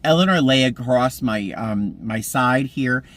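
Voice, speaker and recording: A vlogger in his mid-fifties chats casually to the camera from a parked car, wandering through meandering stories. His mid-range voice is fairly bright and his pace measured.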